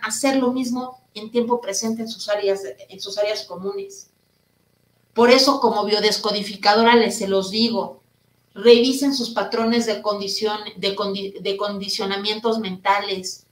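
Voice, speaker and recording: A woman therapist and speaker answering audience questions in a live online talk, speaking loudly and emphatically and asking her listeners questions. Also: medium pitch, roomy sound, low-quality recording. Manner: addresses listeners directly with rhetorical questions.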